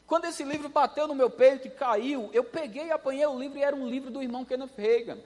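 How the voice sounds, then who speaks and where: A man preaching a sermon, telling a story in an animated way and acting out the voices. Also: very high voice, fast talker, in a large hall.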